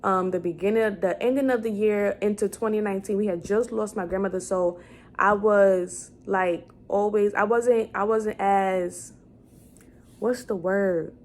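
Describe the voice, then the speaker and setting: This woman in her twenties speaks at medium pitch, steady and unhurried, with a darkish tone, as she chats casually and answers questions on her vlog. Thinking aloud, she rambles and fixes her own words while noisy room ambience is clearly audible.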